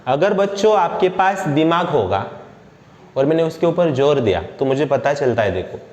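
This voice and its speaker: A man teaching a chemistry lesson, playful and quizzing his students with quick questions. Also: on the high side, animated, a little mellow, dull audio. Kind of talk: classroom lecture. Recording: echoey room with faint noise.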